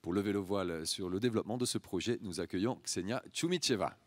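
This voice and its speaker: A man's voice: low-pitched, fast, no echo. A man presenting at a conference, introducing the next speaker with frequent fillers. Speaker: event presenter. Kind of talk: stage introduction. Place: conference stage.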